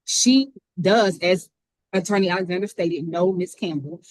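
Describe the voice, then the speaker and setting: A woman attorney arguing her side in a hearing over a video call, talking fast. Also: lowish voice, darkish tone, no room sound, rough recording. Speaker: defense attorney. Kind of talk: courtroom argument.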